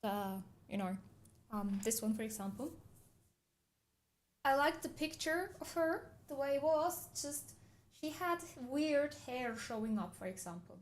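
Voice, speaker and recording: A Swiss woman chats casually on a livestream, reading out viewer comments and spinning meandering stories punctuated by frequent laughter. Her voice is high-pitched with lively intonation, and she speaks a little slowly.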